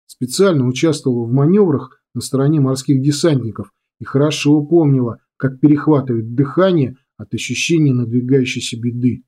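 A man reading a military adventure novel aloud as narrator, telling it dramatically and slowing on key lines. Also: mid-range voice, mellow, husky. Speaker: audiobook narrator. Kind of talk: scripted narration.

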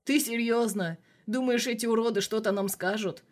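A gruff, hot-tempered police colonel barks down the phone, as a woman reader puts him on. His voice comes louder and forceful, blustering and scolding. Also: a little high, moderate pace, natural voice. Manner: loud, blustering.

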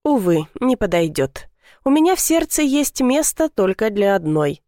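A woman's voice: medium pitch, very animated, moderate pace, mellow, dry recording, natural voice. A woman voicing a lovesick, pleading young man in an audiobook, dry recording. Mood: coy.

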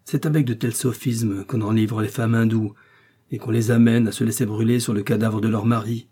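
A man's voice: fairly low pitch, flat delivery, moderate pace, warm tone, husky. A man reading the lines of a proud, disdainful aristocratic woman.

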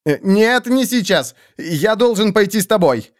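A man's voice: high voice, animated, measured pace, voice pushed up. A man voicing a bumbling king who turns flustered and blustering. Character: flustered bumbling king, pompous when cornered.

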